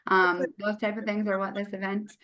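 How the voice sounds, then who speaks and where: A woman's voice: medium pitch, flat delivery, moderate pace, a bit bright. A charity staff member introducing herself on a video call, losing her voice and rambling with many ums. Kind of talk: casual self-introduction.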